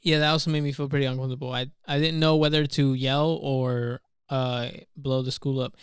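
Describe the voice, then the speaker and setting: A man's voice: medium pitch, little pitch movement, a little fast, smooth, no echo, clean studio sound. A young man co-hosting a podcast, telling a rambling story full of fillers and swearing. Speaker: podcast co-host. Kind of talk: casual chat.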